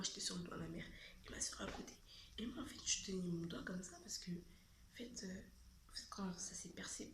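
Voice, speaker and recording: A woman's voice: fairly low pitch, pushed and bright, roomy sound. A woman telling a childhood story in casual, slangy chat, often dropping to a half-whisper.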